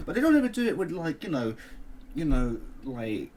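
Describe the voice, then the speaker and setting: A man with a Cockney accent chats on a podcast, his pitch swinging up and down as he tells stories. He jokes constantly and laughs a lot, with faint background ambience. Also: normal speed, slight background noise. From London. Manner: jokey, laughs often, lively storytelling. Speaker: podcast co-host. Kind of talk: casual chat.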